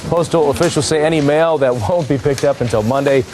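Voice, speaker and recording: A man's voice: fairly high pitch, quick pace, noisy background. A man working as a news anchor, reading the news.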